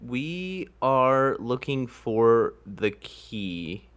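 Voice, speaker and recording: A man's voice: mid-range voice, very animated, very slow, a bit bright, clean tone. Hesitant man at the gaming table. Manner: hesitant, many fillers and restarts. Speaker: player. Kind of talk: casual tabletop game talk.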